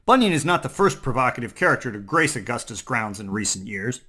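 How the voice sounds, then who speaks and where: His mid-range voice is sing-song and sharp, and he keeps a brisk pace. The man hosts a comedy newscast, reading scripted parody headlines with pretend gravity.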